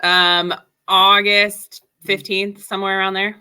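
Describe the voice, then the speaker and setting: A woman's voice: medium pitch, flat delivery, unhurried, bright, forceful tone, smooth. A woman from Nebraska, a teacher, talking in a friendly, easygoing way as a podcast guest. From United States (Nebraska). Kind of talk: casual interview.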